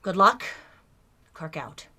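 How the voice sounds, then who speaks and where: A woman playing a composed, bold starship captain in an audio drama, speaking in a measured, firm, understated way. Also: on the low side, very animated, bright, forceful tone, breathy edge, heavily acted. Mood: commanding. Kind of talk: gender-swapped science fiction audio drama acting.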